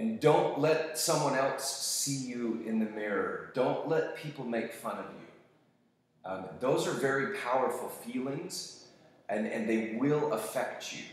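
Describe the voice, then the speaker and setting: A man teaching students, giving a casual, enthusiastic motivational talk about fitness and acting out voices as he goes. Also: medium pitch. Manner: enthusiastic, animated, acts out voices when quoting. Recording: very echoey room.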